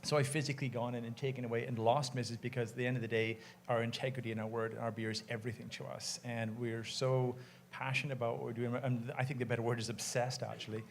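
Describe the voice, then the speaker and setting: A brewery co-owner answers on a panel before an audience of brewers in an event room, speaking into a microphone with passion and emphasis and quoting conversations. His medium-pitched voice is fast, fairly flat in pitch, with vocal fry and slight background noise.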